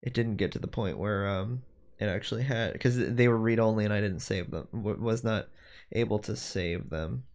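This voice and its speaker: Gravelly man thinking aloud on stream. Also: lowish voice, normal speed, darkish tone. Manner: rambling, self-correcting, thinking aloud. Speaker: streamer doing 3D design. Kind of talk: casual livestream chat while working.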